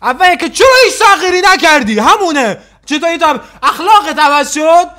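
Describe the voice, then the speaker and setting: A man hosting a reaction video, teasing and mocking the clips he plays with quick sarcastic retorts. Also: very high-pitched, lively intonation, bright, forceful tone. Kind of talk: casual mocking commentary.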